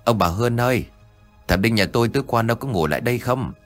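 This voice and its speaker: A man's voice: mid-range voice, expressive, fast, faint music behind, pitched above the performer's own voice, natural voice. A man voicing a worried middle-aged village mother in a spoken ghost story, pleading and tearful.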